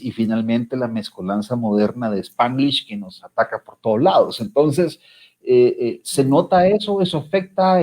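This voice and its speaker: A man's voice: medium pitch, mellow. A man hosting an interview, asking long, hesitant questions full of fillers. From Guatemala. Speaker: interviewer host.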